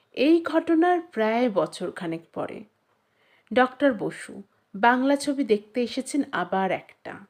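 Reading a literary short story from a script, this woman's voice leans high. Her delivery is measured yet expressive, the style of a storyteller.

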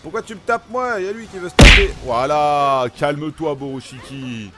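A man from France, a gaming YouTuber, talking chattily through character setup and gameplay with lots of quick exclamations. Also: a little high, noisy background. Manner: excitable, chatty, punctuates action with exclamations. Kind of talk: gameplay commentary.

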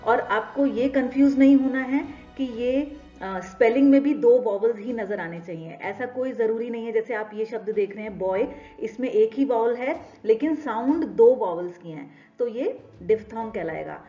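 A woman's voice: fairly high pitch, moderate pace. A woman with an Indian accent teaching English phonetics, patiently explaining and repeating example words. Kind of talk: explanatory lesson, mixing Hindi and English. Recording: slightly dull lo-fi recording with soft background music.

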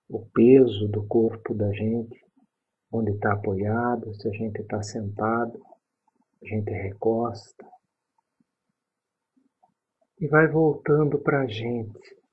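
This guided sleep meditation is led by a Brazilian narrator whose husky, breathy voice sits at a medium pitch. He moves very slowly through a relaxation exercise, leaving calm pauses between brief, soothing directions, on a somewhat muffled, dull recording.

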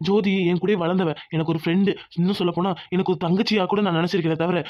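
A man's voice: high voice, steady tone, rapid-fire, no room sound, lightly acted. A man voicing an earnest young husband in a cartoon who pleads with his father. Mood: pleading. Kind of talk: cartoon dubbing. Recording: dull lo-fi audio.

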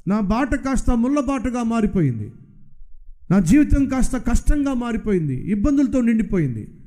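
A man's voice: very high voice, big pitch swings, moderate pace, dark tone. A preacher doing a pleading, suffering man. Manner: pleading, questioning.

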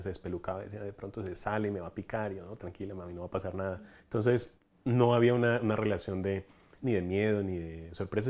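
A low-pitched man in his forties, an entomologist and collections coordinator from Ecuador, speaks with a coastal Ecuadorian Spanish accent. In a documentary interview recorded on a lapel mic amid specimen cabinets, he tells stories with animated enthusiasm and hand gestures.

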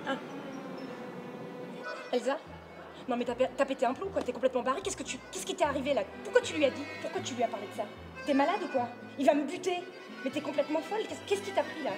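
Brief: profane, panicking woman around thirty, high and fast, film music under. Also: lively intonation. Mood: panicked. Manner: swears constantly, repeats herself in frantic bursts. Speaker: woman quarrelling by phone with her best friend. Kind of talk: film acting.

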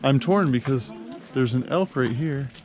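Chatty dad vlogging on a snowy trail. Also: male voice, medium pitch, unhurried, a little mellow. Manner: chatty, playful dad quizzing kids. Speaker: family vlog host. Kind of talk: casual family vlog chat. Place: outdoors on a snowy canyon rim trail.

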